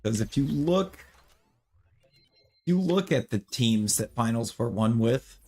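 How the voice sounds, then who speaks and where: A man's voice: medium pitch, animated, slow pace, a little mellow. Opinionated man chatting while gaming. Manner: opinionated, talks to chat viewers; rambling with restarts and fillers. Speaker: streamer. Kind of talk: casual chat while gaming.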